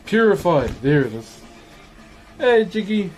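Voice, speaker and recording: A man's voice: high-pitched, very animated, unhurried, faint music behind, rough recording. A man with a broad New Zealand accent chats casually on a livestream as he works, in a laid-back, slangy, matey way. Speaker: livestream host. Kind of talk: casual livestream chat while working.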